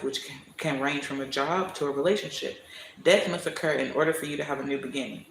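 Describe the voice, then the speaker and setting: A man's voice: fairly high pitch, vocal fry, a bit bright, roomy sound, a little hiss or hum, rough recording. Blunt, foul-mouthed tarot-reading man. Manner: emphatic, blunt, swears freely, preachy. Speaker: tarot reader streaming live. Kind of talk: live tarot reading, casual and profane.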